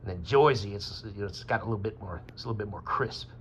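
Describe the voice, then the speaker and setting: A man's voice: fairly low pitch, fast, noisy background. A man from Wyoming talking in a rambling, casual monologue, meandering with fillers and swearing. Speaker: vlogger. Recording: dull lo-fi with faint ambience.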